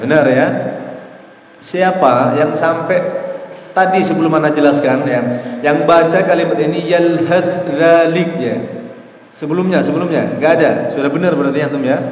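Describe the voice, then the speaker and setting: A man teaching Quran recitation to a mosque congregation, quizzing them and chanting example verses slowly. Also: fairly high pitch. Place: mosque hall. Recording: echoey hall, faint ambience.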